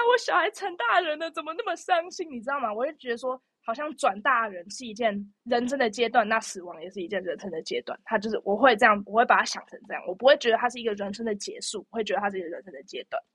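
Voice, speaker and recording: A young woman co-hosting a podcast, telling stories in a chatty, animated way with lots of fillers. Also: a little high, racing, hardly any pauses, husky, no room sound, studio quality. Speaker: podcast co-host. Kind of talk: casual chat.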